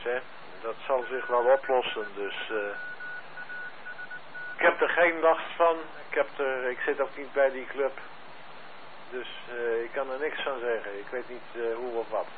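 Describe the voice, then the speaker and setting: A man running an amateur radio net on air, heard over a two-way radio link, easygoing, spelling out call signs with frequent filler pauses. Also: medium pitch. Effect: heard over a two-way radio transmission. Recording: tinny radio-band sound with faint hiss.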